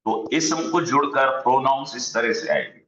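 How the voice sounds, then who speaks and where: A man teaching an online Arabic grammar lesson, slowly drilling word forms aloud on a video call. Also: mid-range voice, big pitch swings, fairly bright tone. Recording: dull echoey room sound.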